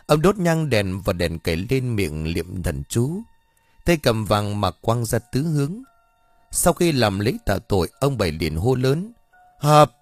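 A man narrating a story in a steady, even way. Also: fairly low pitch, measured pace, dry recording, soft background music. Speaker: audiobook narrator.

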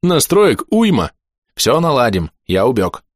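A man's voice: mid-range voice, no echo, studio quality, pitched above the performer's own voice. A man doing an eager slangy young crafter. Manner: excited, slangy and fast. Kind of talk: audiobook character voice.

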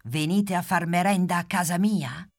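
A woman's voice: on the low side, normal speed, voice pushed up, lightly acted. Pepita, a woman doing a friendly little dinosaur girl. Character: small friendly female dinosaur host. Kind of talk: storybook character voice.

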